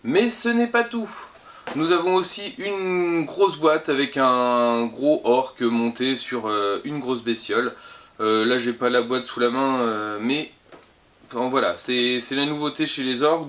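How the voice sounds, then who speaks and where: A man's voice: fairly high pitch, a bit bright. Chatty upbeat man presenting shop releases. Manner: chatty and upbeat, lots of hesitations and self-corrections. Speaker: game shop employee presenting new releases. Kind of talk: casual product roundup to camera. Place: board game shop.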